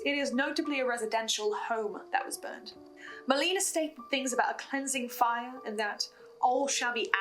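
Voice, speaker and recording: She has a high-pitched, slightly bright voice and hosts a recap of a horror audio drama. Speaking to the listener in a dramatic, emphatic way, she lays out theories in scripted commentary peppered with asides.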